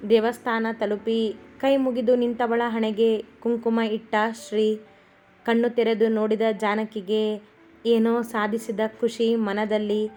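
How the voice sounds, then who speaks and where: A woman narrating a romantic story in a steady, unhurried storybook reading. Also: fairly high pitch.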